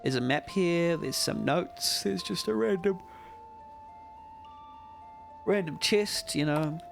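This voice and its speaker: Gravelly man streaming a game. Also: a little high, animated, slow pace, soft background music. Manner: wry, chatty asides. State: sleepy, yawning. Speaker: streamer judging a game jam. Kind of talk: casual live commentary while playing.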